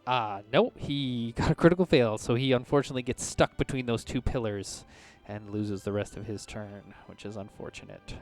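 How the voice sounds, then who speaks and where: Man game master, halting improvised narration. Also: mid-range voice, faint music behind. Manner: hesitant, halting improvisation with vivid description. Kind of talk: improvised narration of tabletop combat.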